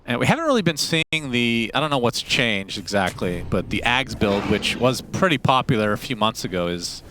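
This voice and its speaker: A man's voice: medium pitch, big pitch swings, moderate pace, pushed and bright, a little hiss or hum. A man casting a live esports match, joking and laughing easily with his co-caster. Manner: jokey, laughs often, self-deprecating.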